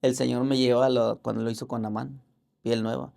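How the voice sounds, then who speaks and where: Very gravelly man telling his testimony. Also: mid-range voice, level tone, dark tone. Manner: earnest, halting storytelling with religious fervor; acts out other people's words in raised voices. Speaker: interview guest. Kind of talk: personal faith testimony.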